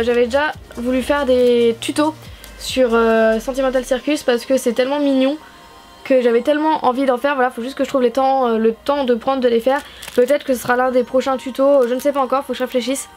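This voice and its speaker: A young woman from France with a high, light voice gushes over the stationery she is unboxing. She chats casually and keeps adding fillers and repeated exclaims, with faint music playing underneath. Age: young adult. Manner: gushing, enthusiastic, chatty with fillers.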